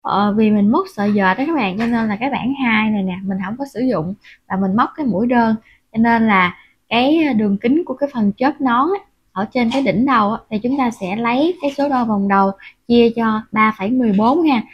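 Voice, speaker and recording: With a fairly high, husky voice and a brisk pace, a woman walks through a crochet tutorial step by step. She patiently counts stitches aloud, often using filler sounds, and the lo-fi recording sounds dull and muffled.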